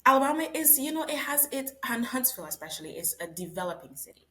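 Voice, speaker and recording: A woman from Barbados, a guest in an interview, speaking in a thoughtful, measured way with pauses as she reflects. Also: high-pitched, big pitch swings, bright, forceful tone. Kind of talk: reflective conversation.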